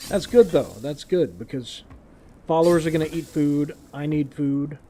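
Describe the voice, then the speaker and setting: A man's voice: a little high, normal speed, dark tone, slight background noise. A man casually narrating his own gameplay as a streamer, talking to himself with wry, sarcastic asides.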